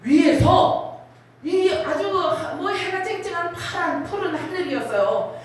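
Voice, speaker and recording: A woman's voice: very high-pitched, animated, unhurried, a little hiss or hum. A middle-aged woman preaching a personal testimony at a revival, telling her story with emotional, dramatic swells. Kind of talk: sermon testimony. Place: large prayer retreat hall. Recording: very echoey hall, voice from far off.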